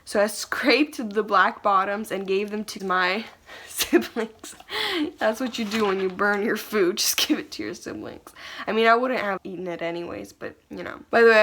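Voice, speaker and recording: A woman's voice: medium pitch, fairly bright tone. A young adult woman reading from her old diary and commenting casually, in a hesitant, rambling, self-conscious way.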